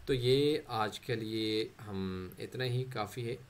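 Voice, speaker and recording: A man, an Urdu speaker, teaching tajweed step by step, stretching out example words with nasal recitation. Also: on the low side. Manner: patient step-by-step explaining, modeling words with drawn-out nasal recitation.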